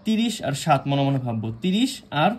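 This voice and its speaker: A young man from Bangladesh teaching a Korean language lesson, repeating key points, quizzing the listeners with questions and pausing on fillers and restarts. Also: mid-range voice, big pitch swings. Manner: hesitant, frequent fillers and restarts. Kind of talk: explanatory lesson.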